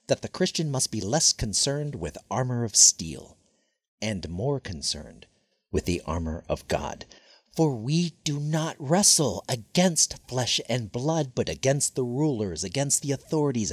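A man delivers a slow, deliberate sermon voice-over, his tone husky and breathy. His pitch rises and falls widely as he presses each point with solemn emphasis. The sound is close and dry, with no room around it. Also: no echo. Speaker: preacher. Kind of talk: scripted sermon narration.

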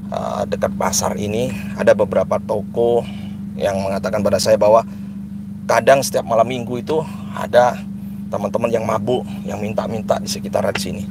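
A man's voice: on the low side, background noise. A man, chatting casually on a live stream, repeating phrases and mixing in prayers. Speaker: live-streaming spiritual healer vlogger. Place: car at night.

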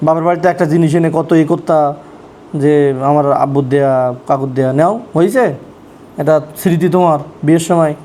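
A man talks quickly in a slightly high voice. He teases and chats in a casual home vlog. Faint room noise sits under him. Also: warm tone. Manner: teasing, quick, asides to viewers. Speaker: vlogger pranking his wife. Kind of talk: casual vlog, talking to camera and wife. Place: home, rooms and rooftop.

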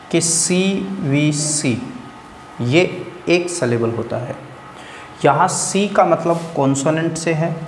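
A man teaching English grammar in an exam-prep lecture, explaining step by step and often checking that students follow. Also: on the high side. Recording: echoey hall with faint hiss.

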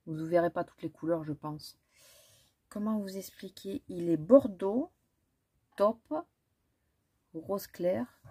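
A woman's voice: lowish voice, slow pace, long pauses, mellow, husky. A woman, chatting casually through a makeup haul with many fillers and restarts. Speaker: beauty vlogger. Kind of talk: casual haul chat with swatches.

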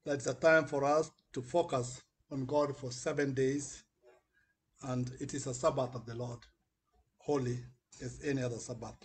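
A middle-aged Kenyan man with a husky voice, a church elder giving a measured devotional response over a video call. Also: mid-range voice, fairly even intonation. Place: curtained indoor room. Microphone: computer mic on video call.

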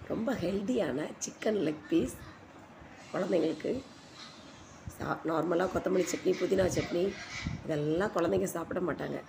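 A woman narrates a home recipe in a lowish, gravelly voice. She sounds hoarse, as if her voice is giving out. The voice-over is informal, with clear background noise. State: hoarse, voice giving out from a cold-weather strain. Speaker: home cooking video host. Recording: noisy home voice-over recording.

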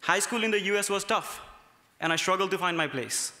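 Here a young adult student from Nepal delivers a gala speech, reading earnestly from his notes at the podium. He speaks a little fast in a high, sharp voice with lively intonation; the podium microphones catch the long echo of the grand hotel ballroom.

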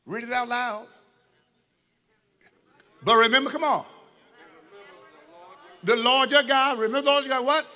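Preacher man, piercing bright tone, drops low then shouts back at the congregation. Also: measured pace, pauses often. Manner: call-and-response preaching, swinging from low asides to shouts. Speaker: bishop preaching. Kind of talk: sermon.

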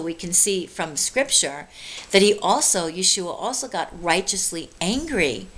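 A woman minister giving an earnest devotional message, pleading with listeners and slowing down on key words. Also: on the low side, a bit bright, poor audio. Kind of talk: devotional preaching.

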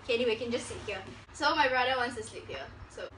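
Her voice on the high side, a bit bright, racing along with lively intonation, a young woman vlogs casually and makes prank calls with lots of giggling. She's in a small living room, and the camera a few steps away records roomy, noisy, distant audio.

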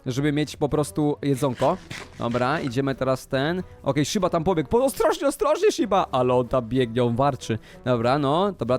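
A man hosting a gaming channel, giving excitable game commentary, gasping and shouting as he plays and talks to his pet dog. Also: medium pitch.

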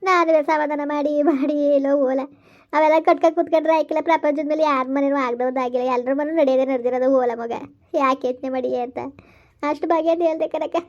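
A woman's voice: high-pitched, steady tone, quick pace, darkish tone, close to an everyday voice. Woman voicing a wailing old village grandmother. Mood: wailing, grieving. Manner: lamenting, wailing to God and a neighbour. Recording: dull lo-fi recording.

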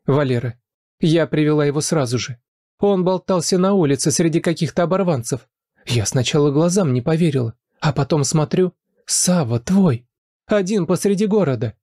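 A man voicing a scheming young wife who speaks quickly and sweetly, with a dark, dry voice raised in pitch. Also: animated, no echo. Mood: urgent, excited. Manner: fast, sugary, pleading then spiteful.

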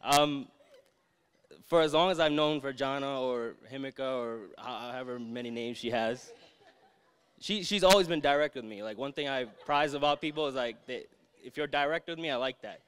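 Smooth-voiced young man joking in a toast. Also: mid-range voice, normal speed, fairly bright tone. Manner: joking, laid-back. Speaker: friend giving a wedding toast. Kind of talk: wedding reception toast.

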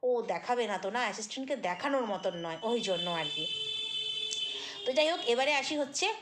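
A woman's voice: on the high side, lively intonation, brisk. A woman vlogger talking through a casual commentary monologue, chatty and critical, with many fillers and restarts.

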